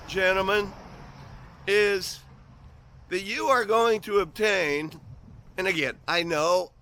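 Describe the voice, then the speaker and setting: A Midwestern American man in his fifties jokes his way through a rambling vlog monologue while walking outdoors, often trailing off and starting over. His voice sits high and sounds pushed and bright, and he speaks slowly.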